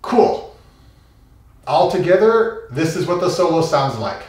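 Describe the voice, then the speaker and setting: A man's voice: on the high side, very animated, unhurried, very noisy. A man teaching a taiko solo, thinking aloud and vocalizing drum rhythms as he works. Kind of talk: instructional talk. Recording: very echoey room, mic far off.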